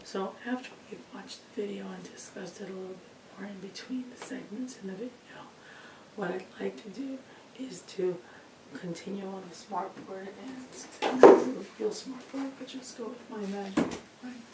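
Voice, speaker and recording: A woman teacher presenting a lesson informally, her lost voice hoarse, croaky and effortful, often breaking into a breathy whisper. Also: medium pitch, normal speed. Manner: effortful, pushing to be heard. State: hoarse, strained, breaking voice from voice loss. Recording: roomy, distant mic with clear background noise.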